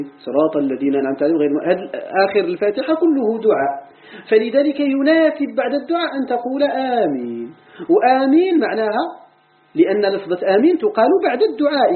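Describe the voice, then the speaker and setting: A man's voice: very high voice, roomy sound, phone-quality sound. A man with a Moroccan Arabic accent who teaches Quran commentary, explaining a text and asking questions he answers himself. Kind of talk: religious lesson explaining a text.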